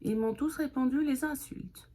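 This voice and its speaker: A woman's voice: sits high, normal speed, dark tone. A woman giving a humorous beginner English lesson in French, playful and jokey, with whispered asides. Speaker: English teacher.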